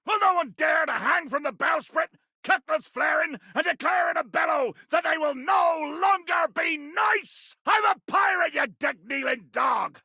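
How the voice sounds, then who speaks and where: A man voicing a bombastic, bloodthirsty pirate captain in a video game, with a raspy, gravelly growl and grandiose, archaic seafaring speech. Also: very high voice, lively intonation, measured pace, pushed and bright, dry recording, shouting, full character voice. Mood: furious, grandiose. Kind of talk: theatrical video game character acting.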